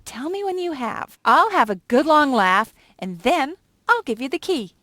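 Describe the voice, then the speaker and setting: A woman's voice: sits high, very animated, moderate pace, a bit bright, no room sound. An actress playing a sarcastic, scornful young woman shopkeeper in a video game, mocking and theatrical.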